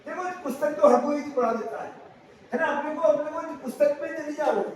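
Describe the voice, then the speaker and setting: A man teaching English grammar in a classroom lesson, slowly and with lots of repetition, asking questions and answering them himself. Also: extremely high pitch. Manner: slow and repetitive. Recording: very echoey room, from far off, faint noise.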